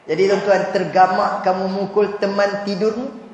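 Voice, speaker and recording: A man with a Malaysian Malay accent gives a humorous sermon in a high voice. He tells playful stories, slipping into characters. The sound booms through a large mosque hall with long echo and faint background noise. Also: flat delivery, moderate pace, highs cut off. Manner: jokey storytelling, acts out characters. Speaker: preacher. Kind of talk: humorous religious lecture.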